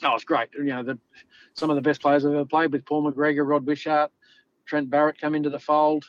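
Middle-aged Australian male guest, easygoing rambler, slightly high voice, dry close sound. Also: little pitch movement, brisk, no echo. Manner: rambling, laid-back, lots of "you know". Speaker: former rugby league player, guest. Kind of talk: casual interview storytelling. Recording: slightly dull lo-fi audio.

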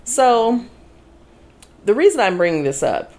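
A woman co-hosting a casual podcast chat in an animated, chatty manner. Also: on the high side, unhurried. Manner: animated, chatty, laughs often. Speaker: podcast co-host.

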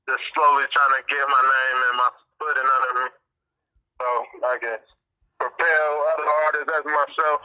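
A man answering interview questions over a call, his voice fuzzy and distorted, speaking haltingly with many fillers. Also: medium pitch, sharp tone. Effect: fuzzy, distorted phone line. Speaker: guest, aspiring music promoter.

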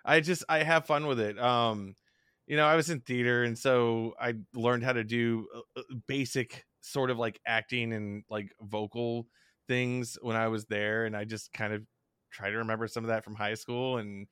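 A man's voice: mid-range voice, fairly even intonation, moderate pace, fairly bright tone, clear, resonant tone, no echo. Male co-host, dry close sound, chatty and self-deprecating. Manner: rambling, self-deprecating, many restarts. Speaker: podcast co-host. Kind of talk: casual podcast chat.

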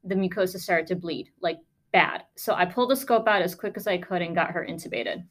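A woman's voice: on the low side, brisk. A woman podcast host, a lung doctor, telling a case story in a conversational, emphatic way with sarcastic asides.

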